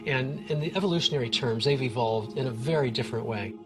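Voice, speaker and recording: A man's voice: medium pitch, fast, over music. A middle-aged man, a research scientist, explaining things informally and with wonder as an expert in a nature documentary. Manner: enthusiastic, marvelling, plain-spoken.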